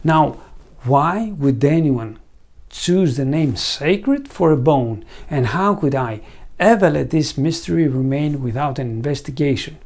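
This veterinarian and site founder from Greece is a man in his forties with a Greek accent, presenting a scripted lecture on a lapel mic before a studio green screen. His voice is on the high side and a little mellow, with lively intonation and a measured pace. He speaks in an earnest storytelling way and puts questions to the viewer.

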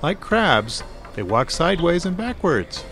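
Animated man narrating a nature documentary. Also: fairly high pitch, a little slow, soft background music. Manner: informal, wryly playful wording.

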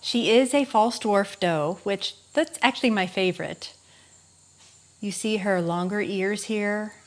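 Woman in her 30s, unhurried, gentle enthusiastic vlogger, lapel mic, faint crickets behind. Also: medium pitch. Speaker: rabbit breeder vlogger. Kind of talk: casual explanatory vlog. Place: indoors in front of wooden wall backdrop. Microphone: clip-on lapel mic.

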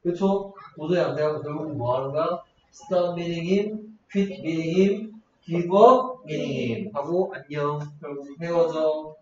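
A man's voice: on the high side, a little slow, hardly any pauses, slight background noise. Joking male teacher in an echoey classroom. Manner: playful storytelling, keeps checking in with students. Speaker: English teacher. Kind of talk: classroom lecture with a joking story. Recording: echoey, distant, dull lo-fi classroom recording.

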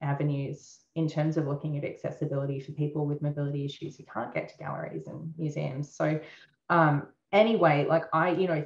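A woman's voice: low-pitched, a little mellow, reverberant, highs cut off. A woman artist talking through her work in a thoughtful, hesitant way, with many fillers. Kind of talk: casual conversation.

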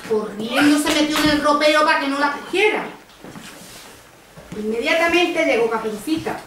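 A woman from Andalusia narrating a fairy tale in an expressive sing-song way to small children. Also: sits high, normal speed. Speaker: storyteller mother. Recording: echoey school hall from far off, noisy.

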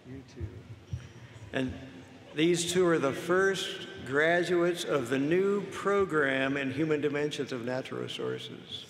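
A man with a fairly high voice reads graduates' names one by one, slowly and clearly. His voice goes out over a public address system in a large indoor arena, with a long reverberating tail. A steady hum of ambience sits behind him. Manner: measured, announcing each name clearly. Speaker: commencement name reader. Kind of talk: reading graduates' names aloud. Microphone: podium microphone over a PA. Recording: echoey arena PA with crowd noise.

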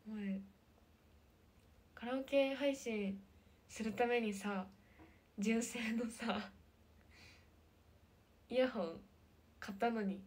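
A fairly high, breathy young woman with a light lilt talks casually to viewers on a livestream. She is chatty and answers comments, often dropping into soft near-whispers. The mic is close and she sounds relaxed. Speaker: idol livestream host.

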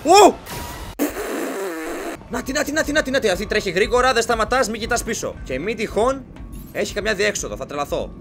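A man hosting a let's play, giving excitable, jokey commentary as he plays and shouting at game characters. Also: high voice, pauses often, soft background music. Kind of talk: live gameplay commentary.

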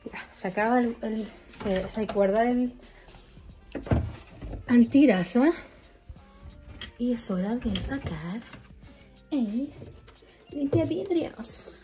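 A woman's voice: on the high side, slow, long pauses, mellow, soft background music. A young woman with a Chilean accent, chatting casually in a vlog and telling rambling, slang-filled stories while cleaning at home. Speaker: vlogger.

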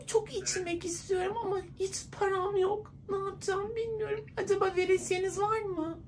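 Man doing a high-pitched coy woman's voice. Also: steady tone, normal speed, a little hiss or hum. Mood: tearful, pleading. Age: 20s. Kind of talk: prank phone call. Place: clothing shop, indoors.

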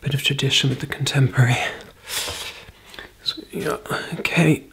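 A woman in her thirties performing a fast whispered role-play as a brisk, chatty makeup artist, murmuring softly close to the microphone. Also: rumbling low, fairly even intonation, low-quality recording. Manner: fast, breathy ASMR whispering and soft murmuring. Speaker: ASMR performer.

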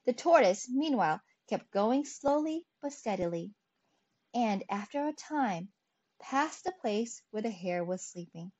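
A woman narrating classic fables in an expressive, lively storytelling reading. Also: on the high side, unhurried, breathy edge. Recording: dull lo-fi recording.

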